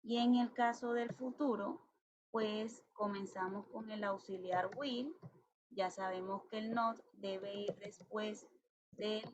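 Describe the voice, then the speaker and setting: A woman teacher walks through a grammar lesson step by step, patient and methodical. She reads each English example out slowly and carefully. The recording is dull and lo-fi, with a faint hiss behind her. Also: mid-range voice, steady tone, darkish tone. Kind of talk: classroom lesson explaining grammar. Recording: dull lo-fi sound with faint noise.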